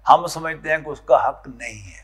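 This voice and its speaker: A man's voice: fairly high pitch, moderate pace, fairly bright tone. A man with a Pakistani Urdu accent giving a classroom lecture on scripture, often putting questions to his students. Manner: explaining, asks the class questions. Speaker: Quran lecturer. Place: lecture hall.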